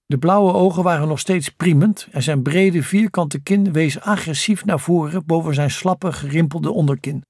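A man narrating a novel as an audiobook in calm, even scripted storytelling. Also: on the high side, normal speed, few pauses, slightly rough, no echo, clean studio sound.

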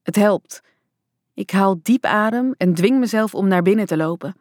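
A woman's voice: mid-range voice, normal speed, darkish tone, no echo, studio quality. A woman reading a first-person youth novel aloud in a tense, introspective way. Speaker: audiobook narrator. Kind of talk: first-person scripted narration.

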